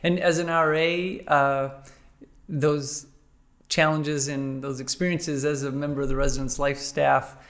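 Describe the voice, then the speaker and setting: A man, a college president, interviewing a guest on a podcast, asking measured questions with frequent fillers. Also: a little high, level tone, a bit bright.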